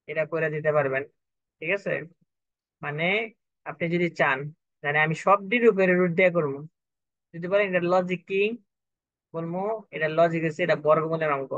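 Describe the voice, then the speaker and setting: A man's voice: on the high side, a bit bright, no echo, muffled recording. A young man tutoring a math lesson step by step, patient and repetitive, often checking that his students understand.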